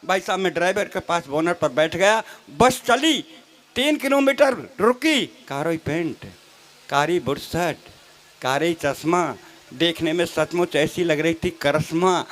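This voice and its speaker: On stage with a live crowd audible behind him, a comedy poet recites funny verse into a stage microphone, spinning stories with mock dialogue and ribbing his fellow poets. His voice sits fairly high and sounds fairly bright, with lively intonation and an unhurried pace.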